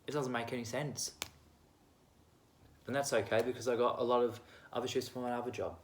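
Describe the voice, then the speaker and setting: A man's voice: mid-range voice, steady tone, fairly quick, a little hiss or hum. A young man vlogging at home, giving his candid opinions in a rambling, self-deprecating way. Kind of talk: casual opinion monologue.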